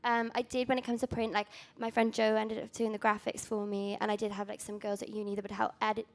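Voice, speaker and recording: At a panel talk, a young native Welsh-speaking woman from Wales, in her twenties, describes the magazine she started. She talks at a quick pace in a medium-pitched voice with little pitch movement, rambling casually with many ums and self-corrections.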